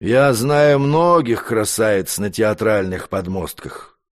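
A man reading an audiobook, voicing an arrogant male magician count who speaks calmly and curtly. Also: on the low side, slow pace, voice pushed down. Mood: cool scornful. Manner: calm, curt, condescending. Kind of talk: audiobook character voice.

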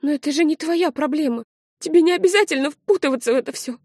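A woman's voice: high voice, quick pace, darkish tone, no echo, clean studio sound, pitched above the performer's own voice, close to an everyday voice. A woman reading an audiobook, voicing a panicked fourteen-year-old girl in an urgent, pleading voice. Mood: urgent, shaken.

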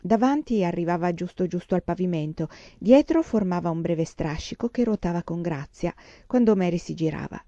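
Low, mellow woman reading a storybook. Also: no room sound, lo-fi sound. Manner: calm, measured reading. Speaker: audiobook reader. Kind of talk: storybook narration.

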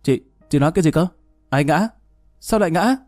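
A man's voice: mid-range voice, fast, darkish tone, dry recording, faint music behind, lightly acted. A man reading the part of a worried young man who blurts out anxious questions, in a spoken story. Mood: panicked.

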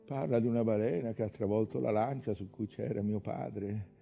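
An actor playing an old, weary, obsessed whaling captain in a brooding, halting theatrical monologue that swings between murmurs and impassioned outcries. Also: male voice, on the low side, steady tone, gravelly, muffled recording, soft background music. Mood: brooding, wistful.

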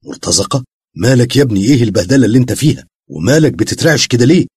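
A man voicing a brusque older male mentor with an Egyptian accent and a husky voice. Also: low-pitched, expressive, quick pace, no room sound, clean studio sound, full character voice.

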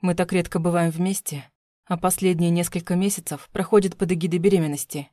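A woman's voice: on the low side, steady tone, a little fast, dark tone, no echo, clean studio sound, natural voice. A woman reading an audiobook, voicing a controlling, menacing husband who coaxes and threatens. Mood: coaxing, menacing. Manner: smooth, coaxing, then threatening through teeth. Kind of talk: audiobook narration.

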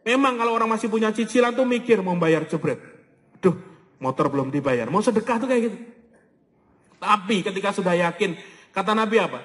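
A man's voice: sits high, fast, fairly bright tone. A man giving a motivational sermon to an audience, telling stories animatedly and acting out the voices of the people in them. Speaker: motivational preacher. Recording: long hall reverb.

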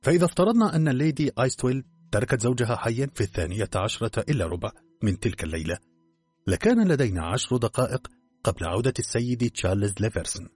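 A man narrating a detective drama in an expressive, measured storytelling manner. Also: mid-range voice, slightly rough, faint music behind.

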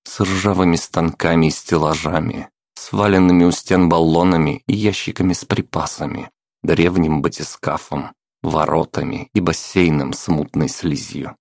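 Deep gravelly male audiobook narrator. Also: steady tone, moderate pace, a little mellow, dry recording, clean studio sound. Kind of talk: scripted first-person narration.

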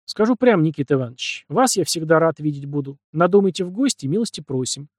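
A man's voice: on the high side, animated, fast, a little mellow, no echo, clean studio sound. A man voicing a tough young warrior who speaks bluntly and curtly. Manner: blunt and curt.

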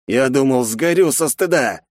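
A man voicing a stern, bossy, middle-aged male academy director in an audiobook, barking and scolding with drawn-out emphasis. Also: medium pitch, expressive, no room sound, voice pushed up, natural voice. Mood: angry. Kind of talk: audiobook character voice.

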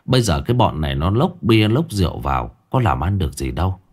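A man's voice: low-pitched, fast, breathy edge. A man narrating a ghost story expressively. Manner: expressive, animated.

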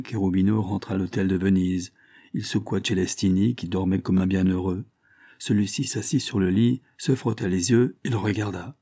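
Low husky-voiced male narrator. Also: mellow, no echo, clean studio sound. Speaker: audiobook narrator. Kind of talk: scripted narration.

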